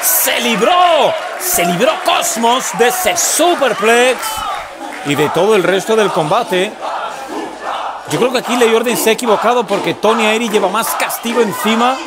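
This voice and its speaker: A man with an accent from Spain, shouting emphatic live play-by-play as a wrestling commentator. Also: sits high, animated, moderate pace. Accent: Spanish from Spain. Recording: noisy event hall with loud crowd. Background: loud wrestling crowd.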